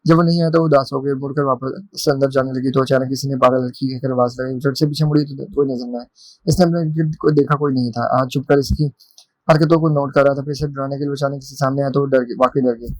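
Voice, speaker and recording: A man reading a romance novel aloud at a brisk clip, plain and steady, with small restarts here and there. the sound is dry, close to the mic. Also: medium pitch, dry recording, poor audio. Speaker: narrator. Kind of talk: storybook narration.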